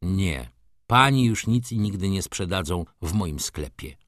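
A man playing a calm, firm merchant. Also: sits low, no room sound, clean studio sound. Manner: measured, composed.

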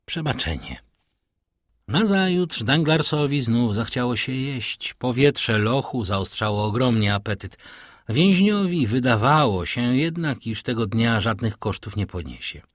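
A man reading a classic novel aloud as an audiobook narrator, voicing all the characters with lively intonation. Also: medium pitch, a little slow, no room sound, studio quality.

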